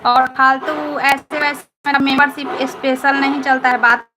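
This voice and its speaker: A woman from Patna, Bihar hosts a live stream, answering viewer comments in a chatty way. Her high-pitched voice stays level at a normal speed over a noisy background, and she repeats herself, constantly asking "understood?"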